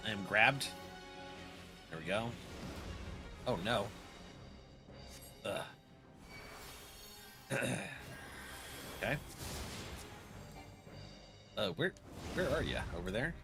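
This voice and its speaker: A man's voice: fairly low pitch, big pitch swings, extremely slow, long pauses, over music. A man doing casual, slangy gameplay commentary, reacting and joking to himself as he plays. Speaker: video game streamer.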